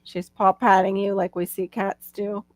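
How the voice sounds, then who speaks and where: A woman's voice: mid-range voice, flat delivery, moderate pace, dry recording. A middle-aged woman hosting a livestream, chatting casually and laughing often. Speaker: livestream host. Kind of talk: casual chat. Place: home livestream. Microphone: video call.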